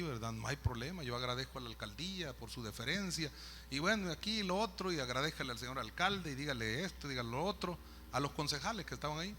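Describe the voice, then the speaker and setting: A man's voice: mid-range voice, pushed and bright, a little hiss or hum. A man, a pastor telling a story in a sermon, conversational with asides to the listeners. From El Salvador. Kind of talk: sermon testimony.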